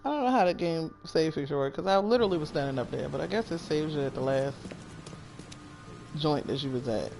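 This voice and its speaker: Lady streaming a game, croaky fry in her voice, casual commentary, music behind her. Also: low-pitched, expressive, brisk. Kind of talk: casual let's-play commentary.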